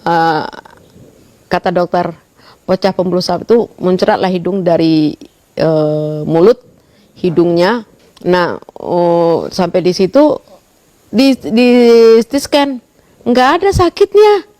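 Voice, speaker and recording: A middle-aged woman, retelling a family story in an interview, swinging between soft murmurs and sudden loud exclamations. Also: fairly low pitch, takes it slowly, pauses often, no room sound. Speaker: interviewed mother. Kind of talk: emotional personal storytelling.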